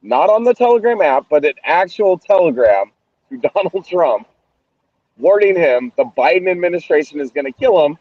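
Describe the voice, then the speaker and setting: A man with a slightly higher voice talks in casual podcast chat. He halts and searches for words with a sardonic tone. The recording is dry and a little dull and lo-fi. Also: animated, dry recording. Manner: halting, many fillers, sardonic. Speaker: podcast co-host.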